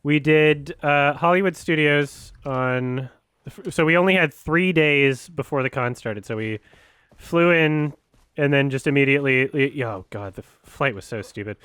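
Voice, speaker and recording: A man giving casual, joking gameplay commentary as a host, excitable and quick to swear. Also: a little high, smooth, no room sound, studio quality. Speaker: gaming show host and player.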